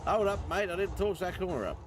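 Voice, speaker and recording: A man's voice: high voice, lively intonation, fast talker. Male streamer, bouncy upper voice, chatty game commentary. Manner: chatty, rambling, talks to himself and teammates. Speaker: gaming streamer. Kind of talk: casual gameplay commentary.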